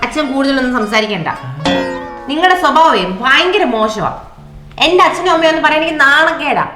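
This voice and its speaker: A woman's voice: sits high, expressive, brisk, music in the background. A woman with a Malayali accent playing a defiant young wife who lectures her parents in a comedy sketch. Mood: indignant. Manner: indignant, lecturing. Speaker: daughter defending her husband. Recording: roomy echo.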